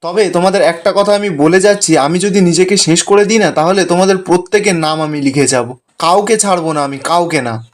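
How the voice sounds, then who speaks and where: A woman's voice: fairly low pitch, brisk, lightly acted. A man voicing a bitter young woman, a wronged younger daughter accusing her family. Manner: accusing, defiant.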